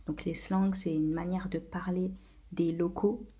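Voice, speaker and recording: A woman's voice: fairly low pitch, little pitch movement, unhurried, mellow. A woman hosting a casual explainer video, talking with many hesitations and filler sounds. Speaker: video host.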